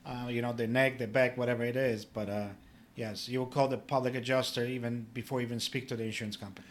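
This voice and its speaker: Here the Polish guest talks fast, his medium-pitched voice delivered flatly. A public adjuster and native Polish speaker, he explains matters simply and instructively in a casual podcast interview, leaning on the filler "you know."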